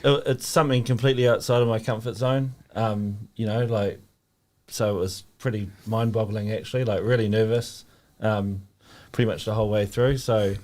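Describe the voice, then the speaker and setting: A man in his thirties co-hosting a show, speaking in a soft-spoken, modest way. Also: fairly low pitch. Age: 30s. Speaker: co-host. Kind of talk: casual interview chat.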